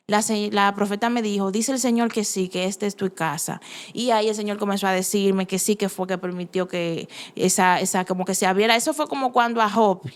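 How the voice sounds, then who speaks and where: A woman, telling her personal faith testimony in an earnest, emphatic way, often restarting her sentences. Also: medium pitch. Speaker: testimony giver.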